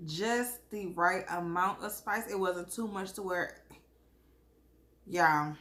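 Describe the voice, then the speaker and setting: A woman chats casually to her viewers as a mukbang vlogger, eating crunchy fried chicken and drinking as she talks, in a folksy, expressive way with savoring hums. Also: fairly low pitch, takes it slowly, a little hiss or hum. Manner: folksy, expressive, chuckles often.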